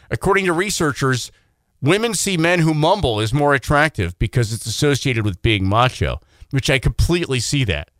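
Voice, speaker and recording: A man co-hosting a radio morning show, chatting casually in a quick, joking, self-deprecating way. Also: mid-range voice, lively intonation, fairly bright tone, no echo, clean studio sound.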